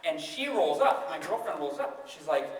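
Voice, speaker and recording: A young man giving a motivational keynote, telling a story in an energetic, conversational way and often asking "right?". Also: fairly high pitch, moderate pace. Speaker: keynote speaker. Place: large hall with audience. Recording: echoey hall, distant mic, faint noise.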